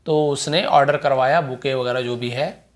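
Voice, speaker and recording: A man teaching English, reading each phrase of a story slowly and loudly, then explaining it in quieter Hindi. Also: medium pitch. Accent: Indian English.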